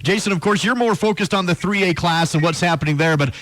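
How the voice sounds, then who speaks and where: A man's voice: high-pitched, fast talker, fairly bright tone, no echo. An American man hosting a sports radio interview, setting up questions for his guest.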